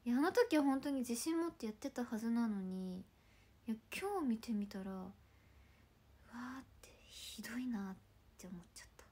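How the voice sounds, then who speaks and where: Woman in her twenties, from Ibaraki, casual livestream host, playful, murmurs asides, a little high-pitched. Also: moderate pace, husky. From Ibaraki, Japan. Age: 20s. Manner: chatty and playful, often dropping into soft murmured asides.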